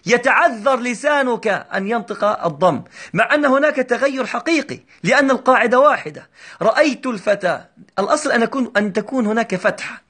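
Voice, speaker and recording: A male teacher explaining a grammar lesson, patiently repeating examples slowly and checking that his students follow. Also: very high-pitched, lively intonation, sharp tone, slightly rough.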